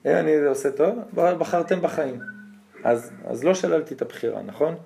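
A rabbi giving a religious lesson, telling stories and checking in with his listeners in an animated way. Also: a little high, vocal fry, a little hiss or hum.

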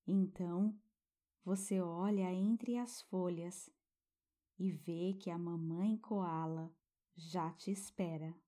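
A Brazilian woman gently narrating a guided sleep-story meditation for children, hushed and tender, as a soothing guide. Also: lowish voice, fairly even intonation. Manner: gentle, hushed, breathy pauses, tender diminutives.

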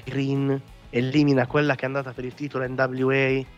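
A man talks as the host of a casual commentary show. He rants with animated exasperation and swears freely. The sound is slightly dull and lo-fi, with faint music behind him. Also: mid-range voice, a little fast. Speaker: podcast host. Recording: muffled lo-fi audio with music behind. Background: background music.

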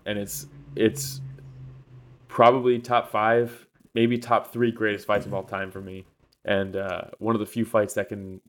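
A man's voice: fairly low pitch, a little hiss or hum. A man co-hosting a podcast, telling a story in casual chat with lots of fillers and swearing. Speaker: podcast co-host.

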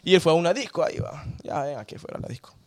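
Young man, casual podcast storytelling, high voice, fast talking. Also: expressive. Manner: rambling anecdotes with quoted voices, many fillers. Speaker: podcast guest.

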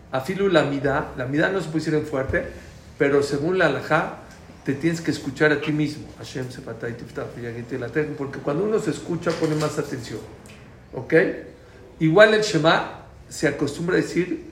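Man, class teacher, fairly high voice, echoey classroom, faint hum. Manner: lively, asks the class questions, repeats key points loudly. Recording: echoey room, faint background noise.

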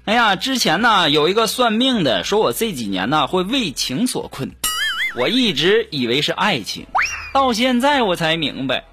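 Man, radio comedy host, lively joke-teller, music playing behind. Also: high voice, moderate pace. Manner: lively storyteller acting out funny dialogue. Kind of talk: scripted joke-telling comedy show. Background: upbeat background music.

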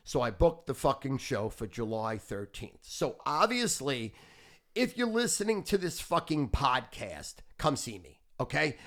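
A brash man in his fifties spins long, wandering stories on his podcast, bragging freely and swearing constantly. His voice sits a little high for a man. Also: a bit bright. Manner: boastful, profane, rambling. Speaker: podcast host. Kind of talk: casual storytelling.

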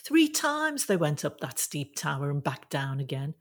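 A woman telling a folk tale aloud, expressive with dramatic pauses. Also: deep voice. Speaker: storyteller. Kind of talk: oral folk-tale storytelling.

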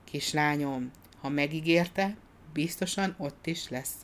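Kindly calm father, read by a woman. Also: sits low, a little hiss or hum, natural voice. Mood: gentle. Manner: calm, warm, soft-spoken. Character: kindly, gently serious father.

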